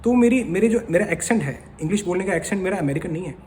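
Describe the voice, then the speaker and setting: High-pitched chatty man giving advice. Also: animated, very fast, dark tone, a little hiss or hum. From India. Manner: chatty, opinionated, lecturing tone. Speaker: vlogger. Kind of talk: casual commentary vlog.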